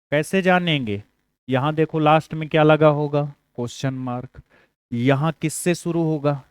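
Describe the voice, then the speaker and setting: A man's voice: fairly high pitch, clean tone, no echo. A man with a Hindi accent teaching English grammar for exams, explaining step by step, asking the class questions and dropping small jokes. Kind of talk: exam-prep grammar lesson.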